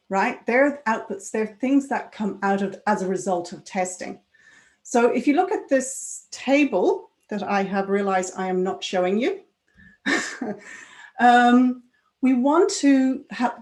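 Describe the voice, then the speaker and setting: A woman's voice: mid-range voice, darkish tone, reverberant. A woman giving a conference talk in a conversational way, often adding tag questions. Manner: conversational, adds tag questions, laughs now and then. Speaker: conference speaker. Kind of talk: presentation talk.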